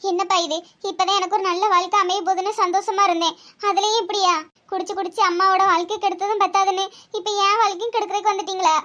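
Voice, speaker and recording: A woman's voice: very high-pitched, flat delivery, fast, pushed and bright. A woman voicing an earnest young daughter about to marry in a comedy cartoon, with a Tirunelveli Tamil accent and a pleading, reproachful manner.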